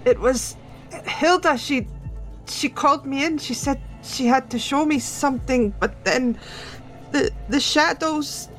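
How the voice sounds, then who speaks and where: A shaken young man stumbles over his words in a tabletop game, his voice pushed far above its usual pitch, as a male player puts him on. He sounds frightened and breathless. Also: measured pace, fairly bright tone, soft background music. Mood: terrified. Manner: stammering, breathless, high-pitched.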